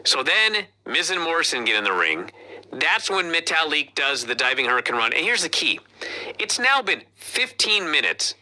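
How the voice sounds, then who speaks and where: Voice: medium pitch, moderate pace. A podcast co-host giving a casual wrestling review, retelling the match play by play with lots of swearing. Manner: profane, animated play-by-play retelling.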